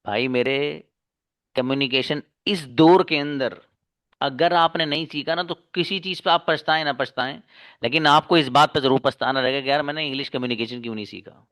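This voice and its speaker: A man's voice: medium pitch, brisk, a bit bright. Earnest male online English teacher. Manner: earnest, coaxing, addresses students as brother and daughter. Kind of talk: motivational talk to students. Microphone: online class mic.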